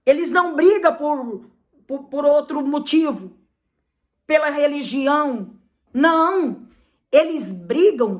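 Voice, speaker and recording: A Brazilian woman preacher delivers a sermon in a high, bright voice. Her delivery is emphatic, driven by rhetorical questions that she answers straight away. Her Brazilian Portuguese accent is clear throughout.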